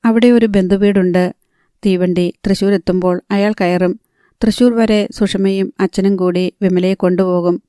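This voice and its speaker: A woman narrating a novel in a measured, steady reading. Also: medium pitch, clear, resonant tone, no echo, studio quality. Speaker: audiobook narrator. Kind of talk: scripted narration.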